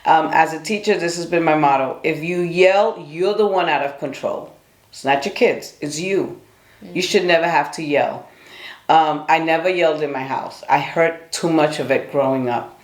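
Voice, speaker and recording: A middle-aged woman, talking as a mother and teacher. She is firm and lively and speaks straight to parents. The room gives her voice a clear echo. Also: sits low, moderate pace. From Puerto Rico. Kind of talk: casual sit-down conversation. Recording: echoey room.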